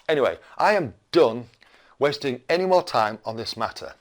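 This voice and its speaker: A man's voice: mid-range voice, lively intonation, normal speed. A British man in his fifties delivering an indignant, cranky rant as a video blogger, emphatic and full of rhetorical questions. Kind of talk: opinionated rant to camera.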